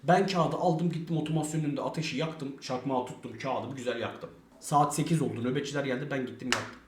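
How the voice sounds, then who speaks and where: Fast-talking swearing man, echoey room. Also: mid-range voice, slight background noise. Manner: fast, rambling, swears a lot, acts out quoted dialogue. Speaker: streamer telling a story. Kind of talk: casual storytelling with heavy swearing.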